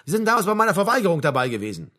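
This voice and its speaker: A man's voice: high voice, very animated, rapid-fire, bright, forceful tone, full character voice. A man voicing an irritated, defiant young male patient who argues back in an indignant tone. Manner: indignant, argumentative.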